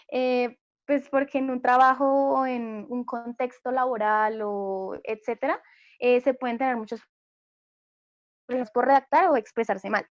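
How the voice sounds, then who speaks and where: A young Colombian woman with a high voice gives a class presentation, explaining patiently and padding her sentences with small fillers. The sound is dry and close, on a dull, lo-fi recording. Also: steady tone, takes it slowly, long pauses, no echo. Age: young adult. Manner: explanatory, many fillers like eh and pues. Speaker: student presenter.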